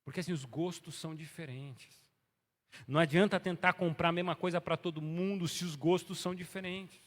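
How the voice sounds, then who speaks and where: Animated pastor preaching in a reverberant church. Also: male voice, on the high side, a little fast. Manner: animated, swinging from soft to loud; folksy storytelling, voicing everyday people. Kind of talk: sermon. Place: church sanctuary.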